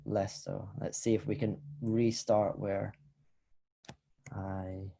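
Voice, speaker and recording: A man from the Scottish Highlands giving an academic talk over a video call, thoughtful and hesitant, with many fillers and restarts. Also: level tone, takes it slowly, creaky, dark tone, husky. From Highlands of Scotland. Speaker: lecturer. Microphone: video call computer mic.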